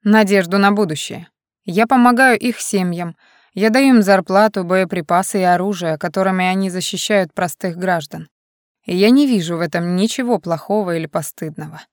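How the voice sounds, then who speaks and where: Stern male militia leader, read by a woman, measured lecturing delivery, dry sound. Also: fairly low pitch, dry recording, lightly acted. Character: serious stern man, militia leader, self-assured.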